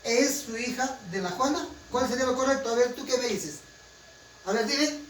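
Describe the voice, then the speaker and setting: Peruvian teacher lecturing in echoey room. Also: male voice, very high voice, normal speed, a bit bright. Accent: Peruvian Spanish, from Huancayo. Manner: emphatic, keeps checking with students. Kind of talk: classroom lecture. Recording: roomy, distant, faint room noise.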